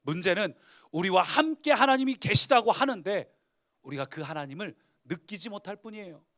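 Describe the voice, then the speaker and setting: A man's voice: high-pitched, expressive, normal speed, a bit bright. A male pastor preaching a Sunday sermon, dramatically retelling scripture and rising to emphatic declarations.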